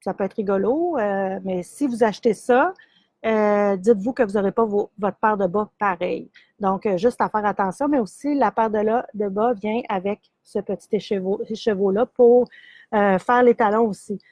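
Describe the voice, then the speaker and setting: Her voice is medium-pitched and darkish, moving at a moderate pace in a dry recording. She is a middle-aged yarn shop host with a Québécois French accent, casually demoing yarn and sock blanks live, with lots of fillers and easy laughs.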